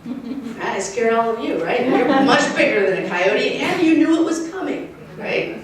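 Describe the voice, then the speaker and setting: A woman urban wildlife specialist giving a lively, emphatic outdoor talk, often checking in with her listeners. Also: a little high, unhurried. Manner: lively, emphatic, keeps asking the crowd "right?". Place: outdoors at a nature center. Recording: echoey, distant, faint noise.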